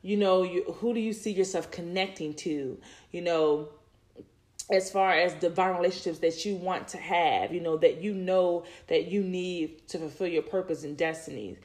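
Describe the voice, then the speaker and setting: A podcast host in her thirties, her voice lowish and a little mellow, talks to listeners about faith and relationships at a moderate pace. It's a personal, faith-based chat that rambles, repeating words and leaning heavily on "you know."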